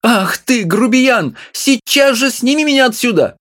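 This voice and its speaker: A small, excitable woman in a storybook scolds in a piercing, very high voice, as a male reader puts her on. Her pitch leaps about wildly and she sounds tense and worked up. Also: unhurried, exaggerated voice. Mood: shrill pleading. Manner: shrill scolding.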